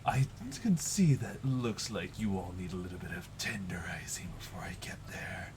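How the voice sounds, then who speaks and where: A man's voice: sits low, expressive, normal speed, slight background noise. A man voicing a menacing, mocking demon in a possessed, ASMR role-play for a tabletop game. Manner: sinister possessed-sounding soft voice inside the mind.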